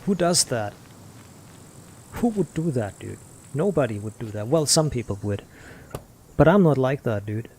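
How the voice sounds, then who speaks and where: A man's voice: mid-range voice, expressive, normal speed, long pauses, darkish tone, husky. A man streaming a game, ranting casually and defensively, repeating rhetorical questions and swearing. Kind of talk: casual ranting while playing.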